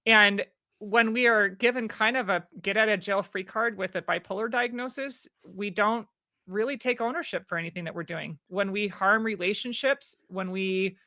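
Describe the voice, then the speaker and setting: A woman's voice: mid-range voice, moderate pace, pushed and bright, dry recording, studio quality. A middle-aged woman guest on a podcast, talking earnestly and often restarting her sentences. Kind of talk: podcast conversation.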